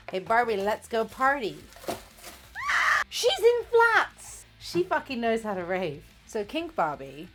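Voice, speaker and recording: A tipsy, giggly, rambling woman chatting casually as host of a comic baking vlog, sweary, self-mocking and playfully crude. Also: mid-range voice. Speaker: host of a comedic baking video.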